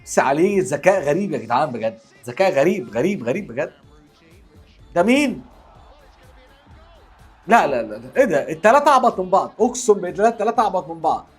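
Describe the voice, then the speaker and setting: Man, Egyptian accent, football reaction commentary, lively swooping pitch, fast, background music. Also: slightly rough. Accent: Egyptian Arabic. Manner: animated, exclaiming, repeats words.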